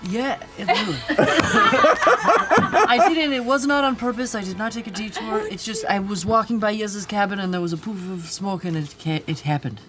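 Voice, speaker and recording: A woman's voice: mid-range voice, expressive, moderate pace. A woman player in a tabletop game, role-playing in character in a playful way. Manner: playful, goes from cheering on to mock gloom.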